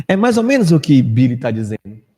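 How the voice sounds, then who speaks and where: A Brazilian man in his fifties giving a storytelling lecture to a live audience, acting out quoted people and dropping to a hush at times. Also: very animated, a little fast, breathy edge. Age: 50s. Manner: anecdotal, acts out quoted people with big pitch swings, drops to a hush. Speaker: spiritist lecturer. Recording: echoey hall reverb.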